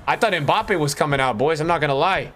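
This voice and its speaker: Higher-voiced young frat-bro streamer guy. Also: a little fast, a bit bright. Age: young adult. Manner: frat-bro slang, calling listeners bro, dude and man. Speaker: game streamer. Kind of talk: casual livestream chat while opening game packs. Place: small room indoors.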